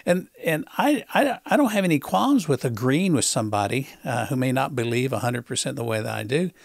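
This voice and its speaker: A male talk show host, interviewing in a halting way, repeating words and filling pauses with uh. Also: mid-range voice, big pitch swings, creaky, no echo, clean studio sound. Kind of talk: conversational political interview.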